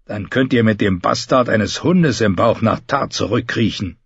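A narrator voices a storybook lord, an older man who is harsh, commanding and full of contempt, with scorn cutting through every line. His male voice sits on the low side and sounds husky, delivered at a normal speed. The recording is dry and slightly muffled, with no echo.

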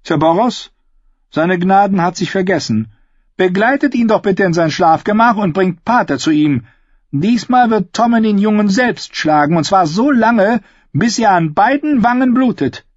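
A man's voice: high voice, lively intonation, normal speed, dry recording, lo-fi sound, voice pushed up. A man putting on an icy, imperious queen. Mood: coldly commanding. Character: cold scornful queen mother, middle-aged woman. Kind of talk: audiobook reading.

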